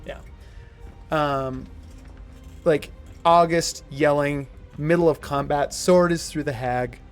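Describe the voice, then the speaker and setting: A man running a tabletop game as game master, relaxed and chatty with lots of fillers. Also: fairly high pitch, takes it slowly, faint music behind. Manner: relaxed, laughs often, filler-heavy.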